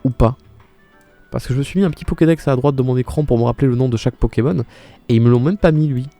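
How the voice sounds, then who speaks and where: A young male streamer with a mellow, dark-toned voice, chatting casually and exclaiming as he answers his viewers. Faint music plays behind him. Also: medium pitch, quick pace, gravelly, dry recording. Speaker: live streamer. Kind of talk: casual live-stream commentary.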